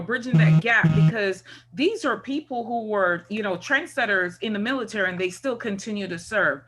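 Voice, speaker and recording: Bright-voiced Jamaican woman speaking. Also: medium pitch. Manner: conversational, leans on "you know" and "um". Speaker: retired first sergeant and panel speaker. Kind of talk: virtual conference remarks.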